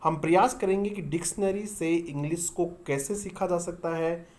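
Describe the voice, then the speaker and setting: A woman's voice: on the low side, steady tone, moderate pace, darkish tone. A woman teaching an online English lesson, explaining step by step and answering her own questions for her students. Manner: addresses viewers as students.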